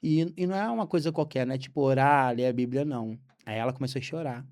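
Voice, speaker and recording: A Brazilian man, a podcast guest, telling a faith story with lively acted-out dialogue. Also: mid-range voice, quick pace. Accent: Brazilian Portuguese. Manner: animated storyteller acting out dialogue. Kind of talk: storytelling testimony.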